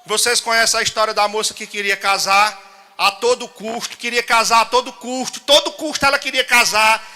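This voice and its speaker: A man's voice: high-pitched, fairly even intonation, fairly quick, sharp tone. A man preaching a sermon in a chapel, telling folksy stories and exhorting the congregation. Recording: long chapel reverb.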